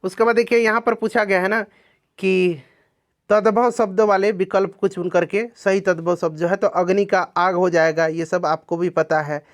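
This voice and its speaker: A man's voice: sits high, fairly even intonation, normal speed. A man teaching as an exam coaching teacher, going through test questions and explaining each answer, checking in with listeners as he goes. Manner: explanatory, repeats "ठीक है ना" to check in.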